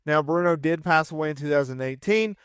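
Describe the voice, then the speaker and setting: A man in his thirties hosting a casual wrestling list video, chatty and quick to correct himself. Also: on the high side, fairly bright tone, clear, resonant tone, no echo, clean studio sound. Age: 30s. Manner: chatty, self-correcting, fan enthusiasm. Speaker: wrestling commentary host.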